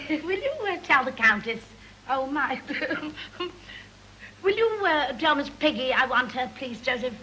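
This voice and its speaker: A high, bright English woman's voice a fussy, gushing society mother in stagey old movie style. She flutters and muddles along over a hissy early talkie soundtrack. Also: animated, unhurried, full character voice, low-quality recording. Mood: excited, flustered. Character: gushing, socially ambitious wealthy mother, comically muddled. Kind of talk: stagey 1930s early talkie film comedy acting.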